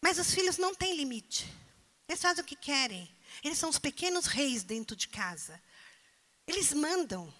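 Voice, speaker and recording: A woman's voice: sits high, sing-song, moderate pace, pushed and bright. A woman preacher delivering a sermon, pressing the congregation with emphatic rhetorical questions.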